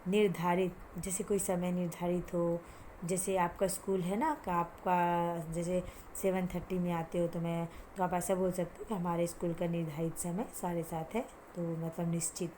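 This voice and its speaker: A woman teaching Hindi vocabulary to children, asking and answering her own questions, mixing in English words, and having the pupils repeat hard words after her as she pronounces them slowly. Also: on the low side, little pitch movement, dark tone, a little hiss or hum. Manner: drawn-out careful pronunciation of hard words.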